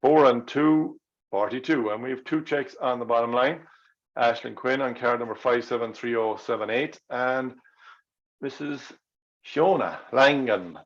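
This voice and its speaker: A man's voice: mid-range voice, moderate pace, a bit bright. An Irish man hosting online bingo as the caller, reading out numbers digit by digit and then in full, with traditional calls. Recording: dull, lo-fi sound.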